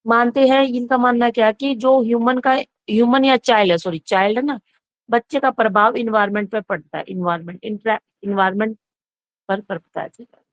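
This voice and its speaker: A woman's voice: a little high, fairly even intonation, fairly quick, dry recording. Hindi teacher woman, dry lo-fi lecture. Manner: repeats herself, self-correcting, asks and answers her own questions. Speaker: psychology teacher. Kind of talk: exam-prep lecture, casual Hindi-English mix. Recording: dry, dull lo-fi recording.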